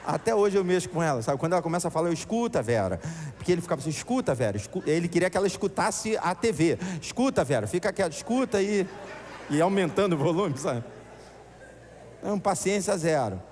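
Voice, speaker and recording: A man preaching a sermon as pastor, animated and acting out voices in his stories. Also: high-pitched, fast talker, slight background noise. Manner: animated, acts out voices in anecdotes. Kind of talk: storytelling sermon. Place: church. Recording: echoey church hall.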